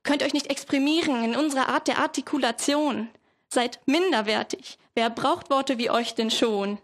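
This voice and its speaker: A teenage woman voicing a noun as a bigoted, contemptuous word who shouts down newcomers. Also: sits high, moderate pace. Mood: scornful. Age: teens. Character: hateful bigoted noun, a word spewing scorn.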